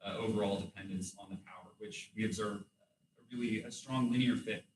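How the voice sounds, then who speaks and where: A man giving an academic thesis defense in a hesitant, hedging way, often pausing and correcting himself. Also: on the low side, fairly even intonation. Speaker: doctoral candidate presenting research. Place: room with audible echo. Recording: roomy echo, distant mic, background noise.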